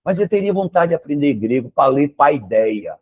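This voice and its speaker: A man with a Brazilian Portuguese accent gives a casual one-on-one lesson over a video call. His voice sits a little high and swings widely in pitch as he exclaims and fires off rhetorical questions, with a husky edge. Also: moderate pace. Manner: emphatic and animated, exclaims and asks rhetorical questions. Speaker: teacher.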